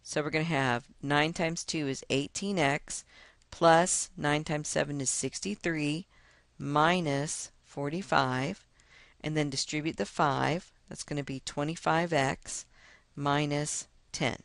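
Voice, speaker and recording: A woman's voice: deep voice, fairly even intonation, takes it slowly, no room sound. Chatty self-mocking woman teacher, dry sound. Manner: chatty, self-mocking, talks through each step aloud. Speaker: math teacher. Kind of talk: casual screen-recorded lesson walkthrough.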